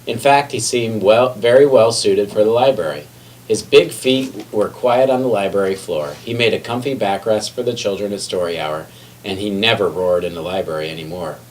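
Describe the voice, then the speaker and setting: A man reads a children's picture book aloud with expression, now and then stumbling and correcting himself. His voice is fairly low and his pace moderate. The mic is distant and catches faint background noise.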